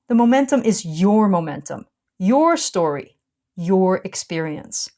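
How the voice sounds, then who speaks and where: Yoga teacher lady reading her blog out loud, sarcastic and punchy, voice jumps up high now and then. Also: very animated, measured pace. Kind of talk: reading her own blog post aloud.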